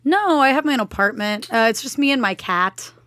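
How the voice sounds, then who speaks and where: A woman's voice: fairly high pitch, animated, a little fast, sharp tone, no room sound. A young woman chatting casually as a podcast guest, agreeable and slangy, often chiming in. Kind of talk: casual chat.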